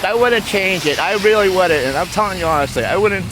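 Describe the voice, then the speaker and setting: A man's voice: high-pitched, lively intonation, fairly quick, background noise. A man, walking outdoors on a city street and rambling affectionately as he tells personal stories for his vlog, repeating himself often. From Massachusetts. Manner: rambling, repetitive, affectionate storytelling. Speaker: vlogger.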